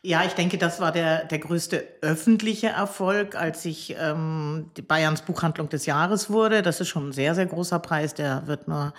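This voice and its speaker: A sixty-year-old woman with a fairly low voice, talking as a podcast guest. She speaks with enthusiasm and pauses often on fillers as she gathers her thoughts. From Hamburg, Germany. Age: 60s. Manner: warm, enthusiastic, hesitant with fillers. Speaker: bookshop owner, guest. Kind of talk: podcast interview.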